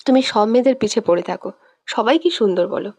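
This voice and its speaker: A woman's voice: a little high, lively intonation, brisk, a little mellow, husky, no echo. A woman voicing a jealous young woman who sobs, pleads and accuses her beloved in a romantic audio story. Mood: angry, sulky. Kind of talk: scripted audio drama reading.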